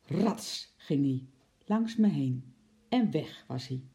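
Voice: medium pitch, lively intonation, slow pace, warm tone. A reader voicing a flustered, stout male zookeeper in a storybook reading, stammering and out of breath, then gloomy. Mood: distressed.

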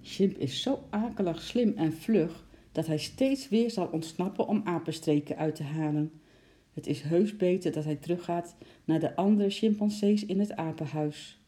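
A serious, gentle father from a children's storybook speaks earnestly to his little daughter, as the reader puts him on. His voice sounds very dark and mellow. He is calm rather than showy, an everyday dad. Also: medium pitch, normal speed, natural voice. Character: stern kindly father of a little girl. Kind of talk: storybook reading.

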